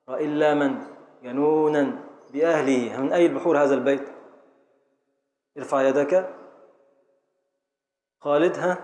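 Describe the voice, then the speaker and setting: A man's voice: on the high side, a little mellow. Egyptian man teaching in an echoey classroom. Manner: explains slowly, repeating syllables and calling on students. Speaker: teacher of Arabic grammar and prosody. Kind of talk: classroom lesson. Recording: echoey classroom with faint noise.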